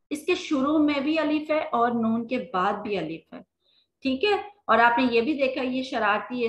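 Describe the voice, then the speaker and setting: A woman with a Pakistani Urdu accent teaching children the alphabet, drawing out words slowly and asking them questions. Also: on the high side, fairly bright tone, echoey room, low-quality recording. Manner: slow, drawn-out sounding of words; asks rhetorical questions to children.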